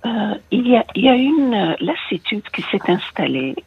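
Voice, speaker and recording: A woman's voice: mid-range voice, very animated, normal speed, slight background noise. A woman in her sixties with a slight American accent, calling in to a radio show and confiding hesitantly with many fillers over a phone line. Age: 60s. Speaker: caller. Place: home in the United States.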